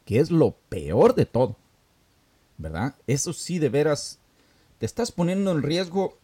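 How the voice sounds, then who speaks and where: Earnest male talk host, lively pitch. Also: husky. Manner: earnest, advice-giving, with fillers. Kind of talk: casual talk-show commentary.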